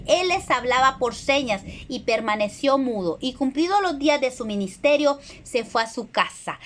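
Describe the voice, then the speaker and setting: A woman's voice: sits high, fairly bright tone. A middle-aged woman preacher delivering an earnest sermon, retelling scripture and acting out the quoted voices.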